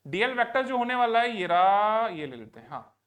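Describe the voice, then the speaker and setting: A man's voice: high voice, big pitch swings, normal speed, a bit bright. A man teaching physics to a live class. He asks a question, answers it himself and repeats it, and he coaxes and scolds students to pay attention.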